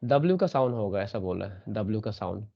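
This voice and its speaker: A man's voice: on the low side, lively intonation, quick pace, gravelly, dull audio. A man teaching an English grammar lesson in an online class, repeating sounds and asking checking questions. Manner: repetitive, drills sounds, asks checking questions.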